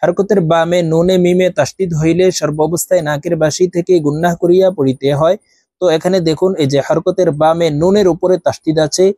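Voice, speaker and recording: A man teaching a reading lesson, spelling out syllables one by one and drawing recited words out slowly. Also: fairly high pitch, warm tone, dry recording.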